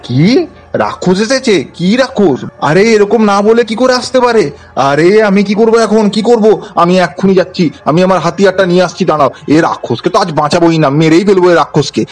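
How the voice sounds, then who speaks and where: A man doing a blustering village father, somewhat high voice. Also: animated, quick pace. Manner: grumbling, boastful bluster. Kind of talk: home doll-play story acting.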